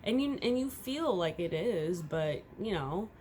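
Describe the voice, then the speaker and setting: This at-home vlog features a young woman, a new mom, speaking candidly in an animated, lowish voice at a measured pace. She rambles a little and shifts between quiet and loud, with a little hiss or hum on the recording.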